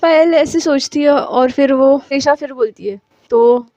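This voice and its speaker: High-voiced woman narrating a romantic story. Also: moderate pace, dark tone, no room sound. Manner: casual, conversational, with fillers.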